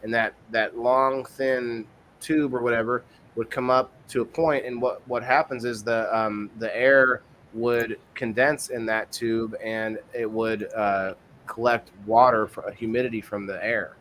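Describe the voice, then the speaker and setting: A man's voice: medium pitch, fairly even intonation, measured pace, fairly bright tone, a little hiss or hum. A man hosting a casual livestream podcast, explaining things in a rambling way and often correcting himself. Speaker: podcast host.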